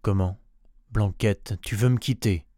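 A fretful old farmer from a storybook, doting on his goat and crying out in alarm, as a man reading aloud puts him on. His voice is low-set but rises loud in his outbursts, and the sound is dry and close. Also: measured pace, dry recording. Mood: pleading. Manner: pleading, exclaiming, louder and higher than the narration.

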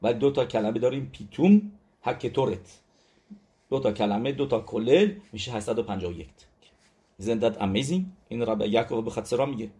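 A man's voice: medium pitch, mellow. Emphatic man teaching a religious lesson. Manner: emphatic, repeats key words, checks in with listeners. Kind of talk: religious lesson on letter numerology.

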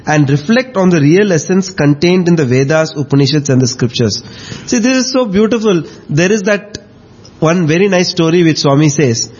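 A man with an Indian accent telling spiritual stories in an animated, conversational way as part of a discussion. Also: on the high side, moderate pace, husky, muffled recording. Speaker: discussion host retelling devotional stories.

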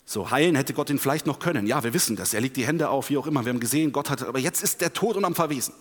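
A man preaching a sermon with passion, swinging between hushed asides and loud emphatic peaks. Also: mid-range voice, animated, very fast, breathy edge. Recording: long hall reverb.

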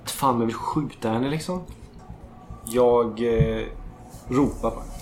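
Cursing player in an echoey room. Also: male voice, medium pitch, music in the background. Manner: swears often when rolls go badly. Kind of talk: playing a tabletop game.

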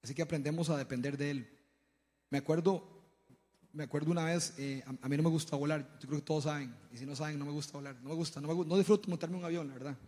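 A man's voice: a little high, fairly even intonation, fast, darkish tone, in a large hall. A man giving a sermon-style testimony talk to a congregation. He tells stories animatedly, often stumbling and repeating words. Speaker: church speaker.

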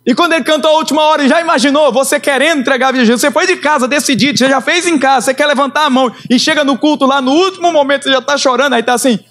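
A middle-aged man, preaching his conversion testimony with emotional storytelling that swings in pitch and slows for emphasis. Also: a bit bright. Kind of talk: sermon testimony.

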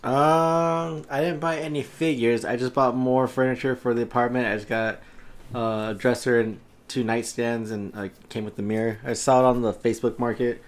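A man's voice: mid-range voice, steady tone, moderate pace. A young man co-hosting a casual podcast, chatting in an easygoing way. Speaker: podcast co-host.

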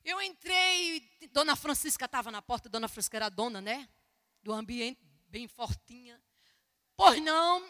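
Woman preacher, high and bright, animated testimony, church hall echo. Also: moderate pace. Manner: animated storytelling, acting out dialogue. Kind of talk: sermon testimony. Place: church service.

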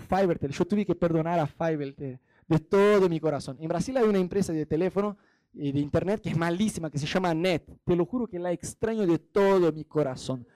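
A man's voice: a little high, darkish tone, no room sound. A man from Brazil preaching a sermon, chatty and direct, acting out little anecdotes with quoted voices. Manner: storytelling with acted-out quotes; chatty, addresses listeners directly.

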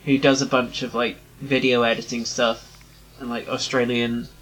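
Podcast co-host, twenties, chatty and meandering, mid-pitched. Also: male voice, level tone, moderate pace, a bit bright, poor audio. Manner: rambling, many ums and restarts. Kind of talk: casual chat.

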